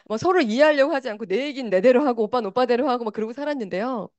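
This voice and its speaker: A woman giving an animated motivational talk, speaking directly to her audience on a microphone. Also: fairly high pitch, very fast, no echo, lo-fi sound.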